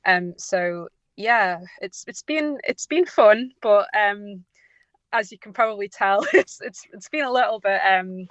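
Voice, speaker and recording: A woman with a medium-pitched, animated, fairly bright voice speaks a little slowly as a guest on a radio interview about her work writing and producing audio drama. The dry recording has its highs cut off, and her informal, unscripted replies are hesitant, with frequent self-corrections.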